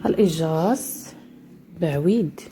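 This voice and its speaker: Slow, low-voiced woman teaching vocabulary. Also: expressive, dark tone. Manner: slow, repeating each word several times. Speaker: dialect teacher. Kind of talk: slow vocabulary lesson with repetition.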